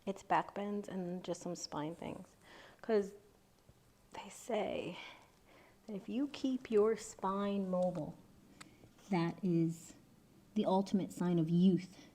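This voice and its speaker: A woman in her thirties guiding a relaxed mobility flow, talking softly and breathily with many half-whispered cues. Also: medium pitch, slow, pauses often. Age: 30s. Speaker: yoga instructor.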